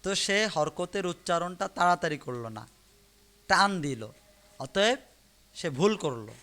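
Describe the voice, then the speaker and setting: A man with a high, bright, forceful voice leads an online live lesson on Arabic letters for Quran reading. He speaks expressively at a moderate pace. Patiently, he repeats every syllable so students can follow along.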